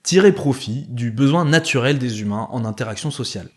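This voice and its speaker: A man's voice: medium pitch, lively intonation, fairly quick, faint music behind. A man narrating a scripted video essay as its host, with sarcastic, slangy asides.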